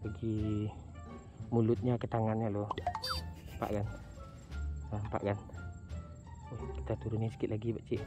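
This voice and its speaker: A man vlogging outdoors as he flies a drone, giving playful running commentary in a teasing way with bursts of loud, high shouting. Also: level tone, a little slow, pauses often, dull audio. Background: background music.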